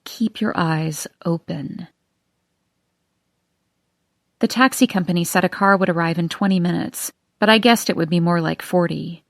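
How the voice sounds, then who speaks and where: A woman narrating a first-person audiobook in a slow, measured, subdued reading. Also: on the low side, vocal fry, dry recording, clean studio sound.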